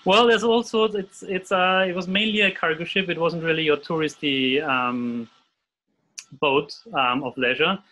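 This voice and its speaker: This Austrian guest illustrator in his forties talks unhurriedly in a fairly high, pushed, bright voice with fairly even intonation and an Austrian German accent. He's hesitant in the casual video-call interview, with lots of fillers and restarts. Recorded from a desk in his home, the dull audio has a little hiss or hum.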